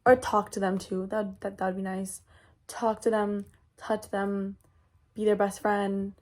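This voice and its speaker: A woman's voice: mid-range voice, little pitch movement, measured pace, darkish tone. A young woman chatting casually in a vlog, rambling, with lots of fillers and restarts. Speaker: vlogger.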